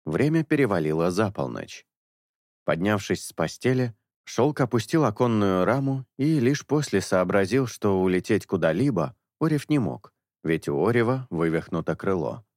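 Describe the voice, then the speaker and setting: A man reads an audiobook in a low voice, measured and expressive. His pitch moves widely as he tells the story, and the recording is dry and close. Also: no room sound. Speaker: audiobook narrator. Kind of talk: scripted audiobook narration.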